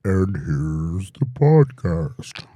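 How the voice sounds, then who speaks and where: A man, a podcast co-host in a casual chat, putting on a slowed-down deep drawl to mimic a sluggish announcer. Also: big pitch swings, dark tone, exaggerated voice. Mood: mock-solemn.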